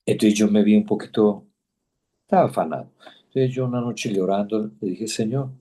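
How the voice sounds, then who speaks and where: Earnest man with a mellow voice. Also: fairly low pitch. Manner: earnest, halting, repeats phrases. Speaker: Bible class teacher. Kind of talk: personal testimony in a class.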